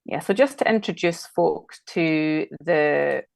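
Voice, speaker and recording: A woman's voice: low-pitched, takes it slowly, vocal fry, no echo. A woman with a Scottish accent, a designer chatting casually and thinking aloud as she works through a live-stream demo. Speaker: designer guest.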